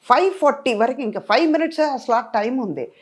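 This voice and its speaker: An older actress speaking in a casual interview, expressive and devotional, sounding tired. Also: female voice, high-pitched, fast. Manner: expressive, devotional, sings softly at times.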